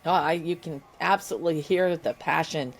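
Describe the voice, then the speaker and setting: A woman's voice: deep voice, normal speed, slight background noise. A woman hosting an interview podcast, affirming her guest and wrapping up with thanks. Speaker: podcast host.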